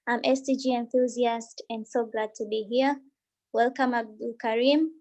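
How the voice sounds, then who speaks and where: A woman's voice: a little high, fairly even intonation, normal speed, darkish tone. A woman from Tanzania, hosting an online meeting and welcoming people as they join the video call. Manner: reads out participants' chat greetings.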